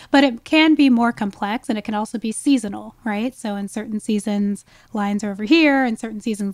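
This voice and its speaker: Enthusiasm runs through this wildlife ecologist's explanations as she talks as a guest expert in a conversational interview. Her voice is on the high side and a little mellow, captured without echo.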